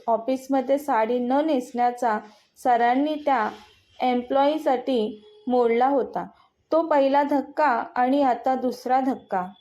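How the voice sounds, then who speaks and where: A woman's voice: high-pitched, dark tone. A woman narrating a romantic story and reading every character in her own voice.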